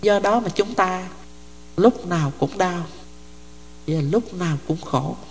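An older woman gives a Buddhist dharma talk in a plain, chatty teaching voice. She keeps stopping to ask whether her listeners follow. Her words ring out with a long tail of reverb, as in a large hall. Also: medium pitch. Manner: conversational, often checks the audience follows.

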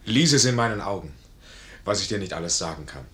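An actor playing a proud, earnest, passionate army major with formal, intense diction in a 1950s German radio play. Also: male voice, low-pitched, expressive, fairly quick, bright, forceful tone. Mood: moved. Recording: roomy 1950s radio studio recording.

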